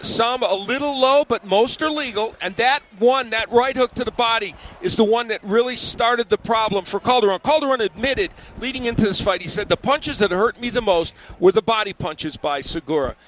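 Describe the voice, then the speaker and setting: A man's voice: high-pitched, moderate pace, few pauses, fairly bright tone. A man giving live boxing analysis, explaining the action in a raised voice over the arena. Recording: clear arena noise behind the voice.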